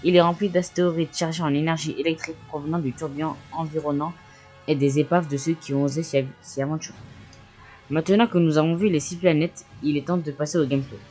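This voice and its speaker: A man's voice: fairly high pitch, a little mellow. A young man hosting a gaming news video, reading from notes, often stumbling over English names and apologizing for his pronunciation.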